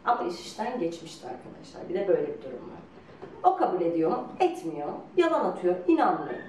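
Animated woman in a roomy echo. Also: fairly low pitch, fast, recorded from a distance, slight background noise. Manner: animated, teasing, laughs often. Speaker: guest telling her couple's story. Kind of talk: lively casual storytelling.

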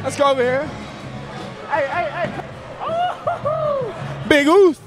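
A man's voice: extremely high pitch, wildly swooping pitch, slow. A young man, a college football player, goofing around as he interviews teammates with a handheld mic in a busy bowling alley. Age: young adult. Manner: playful, joking, slangy. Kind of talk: casual chat with teammates. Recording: loud music and chatter behind.

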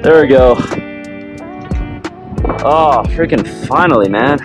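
A young man filming a casual fishing vlog from a kayak at sea on an action camera, upbeat and chatty, letting out excited whoops when a fish bites. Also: mid-range voice, takes it slowly. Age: young adult. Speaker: fishing vlogger. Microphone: action camera on the boat. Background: loud music bed.

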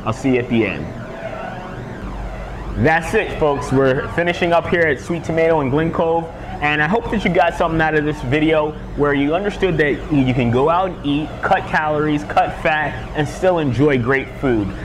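A man's voice: on the high side, moderate pace, noisy background. Upbeat young man coaching fitness. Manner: energetic, promotional, talks with hand gestures. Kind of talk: upbeat fitness vlog presenting. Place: outside a restaurant, then at a table indoors.

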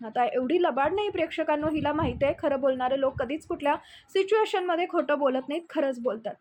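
A woman retells a TV serial casually, talking directly to her viewers and adding her own opinions. Her voice sits high and the tone stays conversational. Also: fast talker, darkish tone. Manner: chatty, opinionated. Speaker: TV serial recap narrator. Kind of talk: casual storytelling recap addressing viewers.

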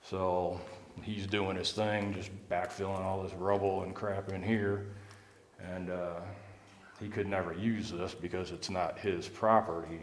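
Low-voiced man in an echoey cave. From St. Louis. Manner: plain, matter-of-fact, halting. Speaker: cave site worker and guide. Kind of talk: casual on-site explanation. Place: large underground cave, echoing. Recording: echoey cave with faint noise.

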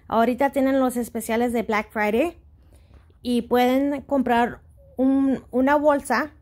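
A woman's voice: fairly high pitch, darkish tone. A woman in her Spanish, hosting a casual step-by-step tutorial, a little hesitant and mixing in English words. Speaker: host of a shopping tutorial channel.

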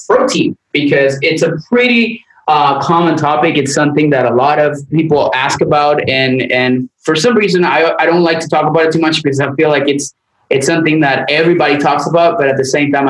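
Easygoing man hosting a podcast, echoey room. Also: fairly high pitch. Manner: easygoing, rambling, many restarts. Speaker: podcast host, nutrition coach. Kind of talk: casual podcast chat.

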